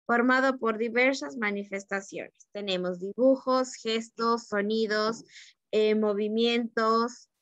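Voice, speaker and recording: A woman teacher walks her class through language terms in a patient, explaining manner, stopping often to check that they follow. Her voice sits a little high and the sound is close and dry, with no room around it. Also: fairly even intonation, slow, a bit bright, no echo, dull audio. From Ecuador. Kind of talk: online literature lesson.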